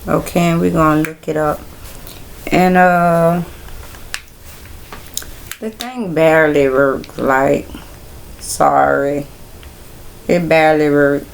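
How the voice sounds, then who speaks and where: A woman hosting a casual Bible study livestream, talking in a relaxed, rambling way straight to her viewers. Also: low-pitched, takes it slowly, creaky, pauses often, slight background noise. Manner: relaxed, rambling, speaks directly to viewers as y'all.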